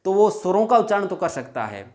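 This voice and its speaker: A man's voice: sits high, sing-song, fairly quick, a little mellow. A male teacher giving a classroom lesson, repeating each point and drawing out example sounds, calling viewers his friends. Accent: Hindi.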